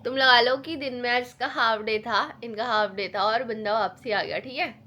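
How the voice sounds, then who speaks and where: A woman's voice: on the high side, moderate pace, bright, forceful tone, slight background noise. A young woman co-hosting a casual home vlog, bantering and teasing in a playful way. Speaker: vlog co-host.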